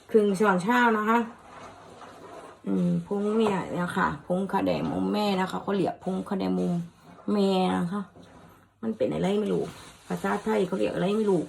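A woman from Thailand casually demonstrating a recipe in a home kitchen. She speaks politely, explains each step and softly repeats herself. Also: medium pitch, gravelly, a little hiss or hum, low-quality recording. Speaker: cooking vlogger.

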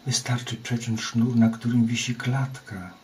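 A man voicing a frightened captive island warrior who pleads for his life, low and dark-toned. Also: little pitch movement, moderate pace, a little hiss or hum, close to an everyday voice. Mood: fearful pleading. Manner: pleading, fearful.

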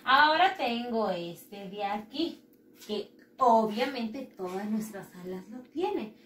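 A woman primary school teacher giving a recorded lesson, patient and slow as she drills repetition. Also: fairly high pitch, expressive, fairly bright tone. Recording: echoey room, mic at a distance.

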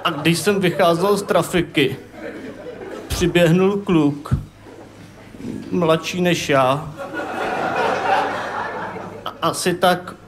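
A man doing a stand-up monologue, telling a story in a dry deadpan way. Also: on the high side, long pauses. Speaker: stand-up comedian. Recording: live stage, loud laughing audience. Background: loud audience laughter and noise.

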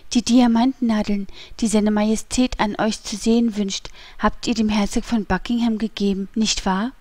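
A devoted young maid in a storybook reading speaks earnestly and steadily, as a woman plays her. Her voice is mid-pitched and a little brighter than the narration. The sound is dry and close to the mic. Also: fairly even intonation, normal speed, dry recording, close to an everyday voice. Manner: earnest, reassuring, urgent. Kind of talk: audiobook character voice.

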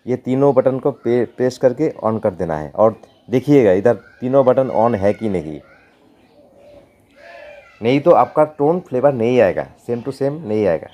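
A man hosting a keyboard tutorial, talking slowly and repeating himself, pleading with viewers. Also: medium pitch, animated, mellow. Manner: slow, repetitive, pleading.

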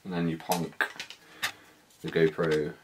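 A man's voice: a bass voice, little pitch movement, takes it slowly, heavy background noise. A British man in his thirties giving a casual, slangy, slightly hesitant hands-on gear walkthrough indoors. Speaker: motovlogger. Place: small living room, indoors.

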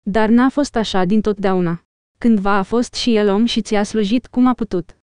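A wise old wizard scolds and warns with force, read by a woman. The voice stays smooth and mellow, fairly high, with a dry close sound. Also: dry recording, natural voice. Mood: stern.

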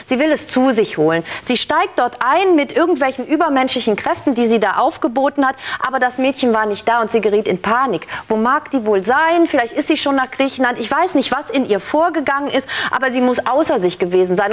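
A woman in her forties speaking as a defence lawyer, delivering an emphatic, persuasive plea to the court. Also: sits high. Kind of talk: formal courtroom closing plea. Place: indoor TV studio courtroom.

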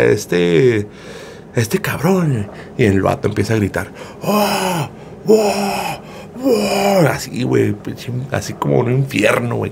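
Gravelly man, slangy gossip. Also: mid-range voice, a little mellow, slight background noise. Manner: slangy and profane, filler after nearly every phrase. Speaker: gossip storyteller. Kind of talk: casual retelling of a viral video.

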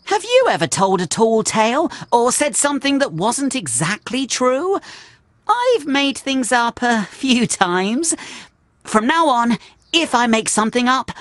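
For a cartoon game, a woman voices a cheerful, curious young male steam engine who tells stories to children earnestly and expressively, in a reflective mood. Her delivery is slow and sing-song at a fairly high pitch, recorded with no room sound.

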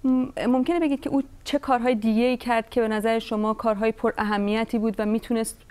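Smooth-voiced woman news presenter. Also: fairly high pitch, flat delivery, darkish tone. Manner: clear, composed questioning with brief hesitations. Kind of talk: broadcast interview.

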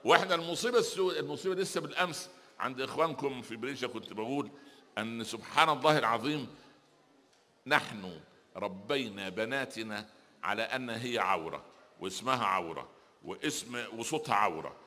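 A man's voice: mid-range voice, fairly quick, sharp tone. A middle-aged man with an Egyptian Arabic accent, preaching a lecture with humorous stories and asking the audience rhetorical questions. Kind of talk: religious lecture with humorous anecdotes. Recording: long hall reverb.

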